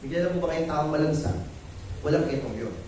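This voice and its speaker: A man's voice: fairly high pitch, fast talker, heavy reverb, far from the mic, background noise. A man preaching a sermon, who keeps asking his congregation rhetorical questions in a polite way. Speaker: pastor. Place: church.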